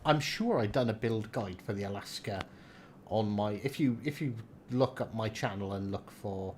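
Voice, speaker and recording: On his livestream, a Welsh valleys man in his thirties who streams and makes gaming videos trades sweary, jokey banter and offers game advice. He speaks at normal speed in a lowish voice, with slight hiss or hum in the background.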